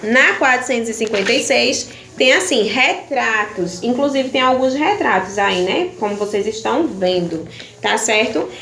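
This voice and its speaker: A woman's voice: on the high side, animated, moderate pace, a bit bright. A woman teacher from Brazil patiently explaining primary-school workbook pages in a video lesson, checking in with her pupils after each point. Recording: echoey room with faint background noise.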